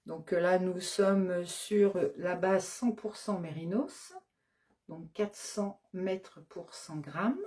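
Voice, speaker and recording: A woman who owns a yarn shop casually presents her new colorways on camera, naming each color in turn with plenty of hesitant fillers. Her voice is lowish, slow and a little mellow. It's a relaxed product show-and-tell.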